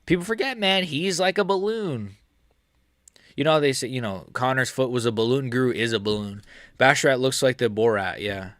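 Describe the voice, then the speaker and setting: This early-twenties American MMA YouTuber talks a little fast in a mid-range, fairly bright voice. Captured in a dry, studio-quality recording, he casually works through chat questions on a live stream with lots of fillers and laughter.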